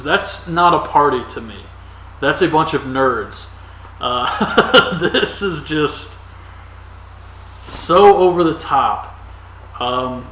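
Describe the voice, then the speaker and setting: A man's voice: fairly high pitch, bright, forceful tone, echoey room, distant mic, slight background noise, rough recording. A man giving casual, opinionated solo commentary as a wrestling reviewer, rambling with frequent ums.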